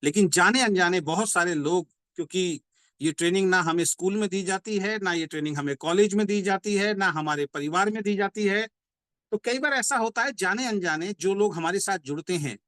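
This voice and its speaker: A man giving a motivational business training talk. He explains by repeating points and asking rhetorical questions, and says key slogans slowly. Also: sits high, a bit bright, no echo. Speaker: network marketing trainer.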